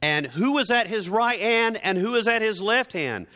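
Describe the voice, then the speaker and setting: Pitched high, this man's voice sounds animated, pushed, and bright as he delivers a dramatic sermon. He leans on emphatic, theatrical rhetoric, repeats himself on purpose for effect, and drops in sardonic asides.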